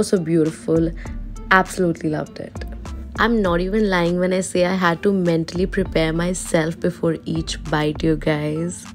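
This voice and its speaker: A woman in her twenties with an Indian accent narrates a makeup tutorial. Her voice sits a little low, and her delivery is casual and expressive with a playful dramatic streak. Music plays behind the voice-over. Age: 20s. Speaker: beauty vlogger.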